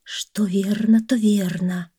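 A whispering snake, sly and persuasive, that speaks in soft hushed tones, as a woman narrator puts it on. It bargains quietly, its voice set dry and close with no room around it. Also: medium pitch, fairly even intonation, slow, slightly rough, no echo. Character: scheming male snake, hissing and persuasive.

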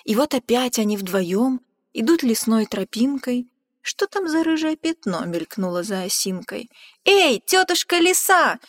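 A woman narrating a rhymed children's story with an even, rhythmic delivery. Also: a little high, measured pace, studio quality. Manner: even, rhythmic verse reading. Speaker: storybook reader. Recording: long hall reverb.

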